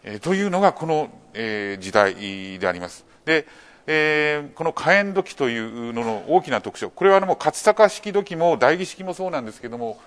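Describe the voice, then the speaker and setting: A man giving a public lecture, explaining in a measured way with many fillers and rhetorical questions to the audience. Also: mid-range voice, fairly bright tone. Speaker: lecturer on archaeology.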